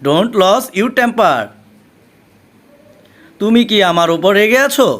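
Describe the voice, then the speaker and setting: A man with a Bengali accent teaching English, reading each short phrase twice, slowly and deliberately. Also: high voice, expressive, a bit bright. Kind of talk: slow repeated phrase drills for learners.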